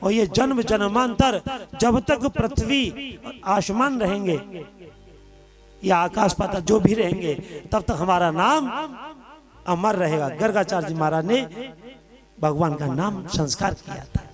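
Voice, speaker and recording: A male devotional preacher with a fairly high voice tells a sacred story in a lilt, stressing his points firmly. Sitar music plays clearly behind the live recording. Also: a little slow, pauses often. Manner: emphatic, instructive, breaks into story voices. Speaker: Bhagavat katha preacher.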